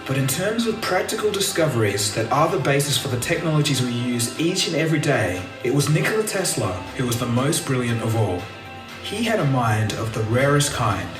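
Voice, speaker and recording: A man giving scripted documentary narration in a measured, even way. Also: mid-range voice, recorded from a distance. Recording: clip replayed in an echoey room with music.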